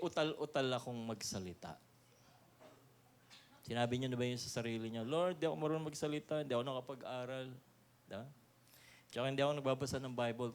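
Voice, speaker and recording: A male pastor preaching a lively sermon with a Filipino accent, often asking the congregation questions and laughing. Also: fairly high pitch, clean tone.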